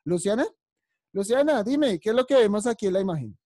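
A woman leads an online preschool English class, calling on children by name and praising each answer. Her voice is mellow and warm, recorded dry and close through a computer mic. She speaks with patient, encouraging warmth. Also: mid-range voice, animated, fairly quick, no room sound. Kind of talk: online class teaching vocabulary.

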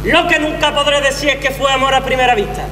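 An actor playing a pompous patriotic army captain, declaiming in a comic stage sketch. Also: male voice, very high-pitched, fairly even intonation, quick pace. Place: theatre stage, far camera. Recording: echoey theatre hall, faint hum.

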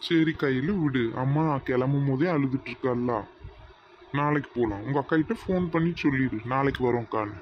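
A man's voice: mid-range voice, fairly quick, muffled recording, a little hiss or hum, lightly acted. Man voicing a placating cartoon husband. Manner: placating, soothing. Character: mild husband caught between wife and mother.

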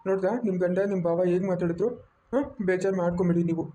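A man playing a calm lawyer who reassures a grieving client in a family drama. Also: high voice, racing, slight background noise, close to an everyday voice. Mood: reassuring. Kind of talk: amateur family drama acting.

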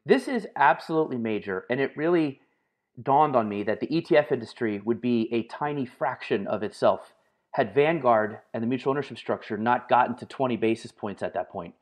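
A man being interviewed on a podcast, answering in long, lively stories with frequent fillers. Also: medium pitch, a little fast. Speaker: guest, market analyst and author.

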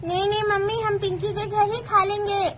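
A woman's voice: very high-pitched, level tone, normal speed, a bit bright. A woman voicing a picky little village girl in a cartoon doll story, pleading and whining.

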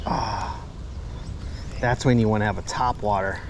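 A man hosting a fishing trip on a small boat, chatting casually, excitable and swearing freely. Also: lowish voice, unhurried. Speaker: angler host. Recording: outdoor boat and water noise.

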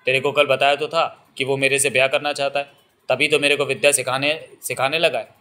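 A man's voice: mid-range voice, level tone, brisk, pushed and bright, faint music behind, lightly acted. A man voicing a young village woman, a temple devadasi in love, in a Hindi audiobook reading, by turns pleading and teasing. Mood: earnest.

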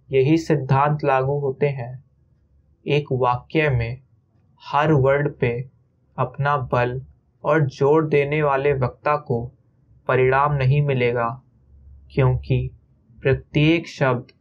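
Guy reading a self-help audiobook really slowly, short chunks with pauses, kinda dull muffled recording. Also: medium pitch. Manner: measured, slow delivery in short phrases with frequent pauses; conversational, mixing in English words and asking the listener direct questions. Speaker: audiobook narrator. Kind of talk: explanatory audiobook narration.

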